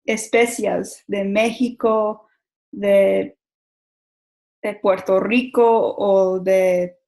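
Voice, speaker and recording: A young woman giving a school presentation, halting often and repeating words as she searches for them. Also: medium pitch, a little mellow, low-quality recording. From Mexico. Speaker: student giving a class presentation.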